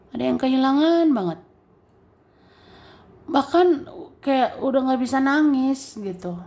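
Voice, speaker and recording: A woman giving a general tarot reading straight to the listener in a relaxed, chatty way, with many fillers and soft laughs. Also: on the high side. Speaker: tarot reader.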